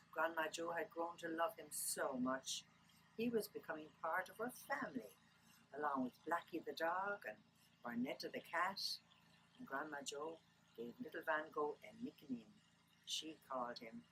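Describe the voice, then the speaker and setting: A woman's voice: sits low, a bit bright, slight background noise, poor audio. An Irish woman telling stories to children in a lilting, dramatic read-aloud manner, drawing out words for effect. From Ireland. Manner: lilting, dramatic storytelling delivery with drawn-out words. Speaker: storyteller.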